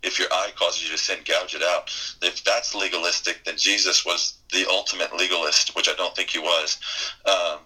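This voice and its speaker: A man's voice: deep voice, fairly even intonation, moderate pace, pushed and bright, breathy edge, rough recording. A man, a pastor guest, answering interview questions in an earnest, plainspoken way and quoting scripture.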